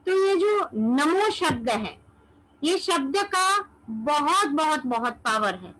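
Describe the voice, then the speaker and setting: Brief: high-pitched woman, spiritual teacher, rhetorical questions, sprinkles in English words. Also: a bit bright, rough recording. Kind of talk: devotional teaching session.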